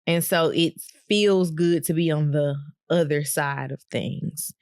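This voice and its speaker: Low, slow-talking woman recapping TV. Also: clean tone, no echo, clean studio sound. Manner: laughs often, many ums, relaxed storytelling. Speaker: podcast co-host. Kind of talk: casual reality TV recap chat.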